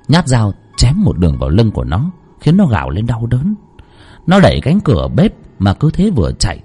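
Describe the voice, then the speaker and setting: A man narrating a horror story dramatically, with sweeping swings in pitch. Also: warm tone, breathy edge.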